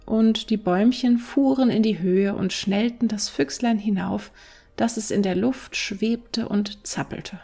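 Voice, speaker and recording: A woman reading a fairy tale aloud, soft and unhurried, now and then dropping into a whisper. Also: mid-range voice, gravelly, breathy edge. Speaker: narrator.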